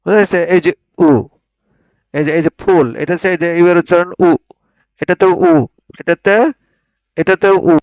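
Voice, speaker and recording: A man teaching an online pronunciation class, sounding out words slowly and having students repeat them. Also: sits high, fairly even intonation, darkish tone, no room sound. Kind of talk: online spoken English class. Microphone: online video call. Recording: dull lo-fi online call audio.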